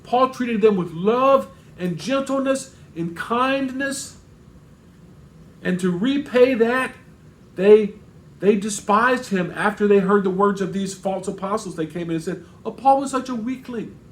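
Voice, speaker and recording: High-voiced pastor preaching a sermon. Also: male voice, unhurried, low-quality recording. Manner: reads scripture then explains it in plain asides, with restarts. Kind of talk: expository sermon.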